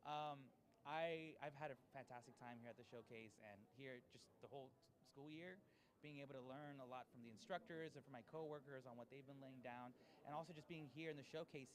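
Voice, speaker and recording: A man co-hosting a live show, chatting playfully and thanking colleagues with quick, stumbling talk. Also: medium pitch. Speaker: co-host. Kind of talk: casual chat.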